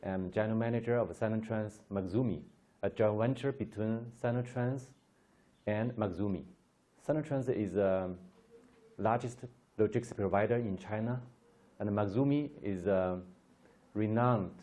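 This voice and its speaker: Formal man with a dark voice. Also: fairly low pitch, moderate pace. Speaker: general manager.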